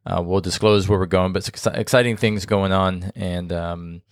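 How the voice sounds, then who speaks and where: Casual male co-host, very low voice, dry close sound, loose rambling delivery with fillers. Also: fairly even intonation, normal speed, dry recording. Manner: rambling, many fillers, laughs easily. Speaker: podcast co-host. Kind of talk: casual chat.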